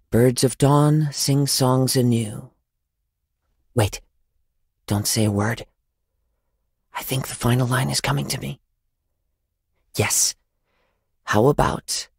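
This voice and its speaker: As a gentle, wistful young wandering samurai in a video game, the speaker sounds warm and shy, in a full character voice with vocal fry and a breathy edge. His middle-pitched delivery is soft, measured and reflective, with formal wording. The recording is close and dry, with no room on it.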